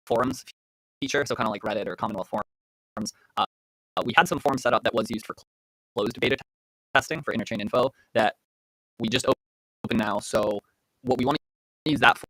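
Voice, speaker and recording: A man's voice: mid-range voice, no echo, rough recording. A man chatting casually on a livestream about his project, his volume jumping up and down because his mic keeps cutting in and out. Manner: relaxed, filler-heavy talk. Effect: uneven volume from a faulty mic cutting in and out. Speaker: project team member. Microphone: headset or desk mic on a video call.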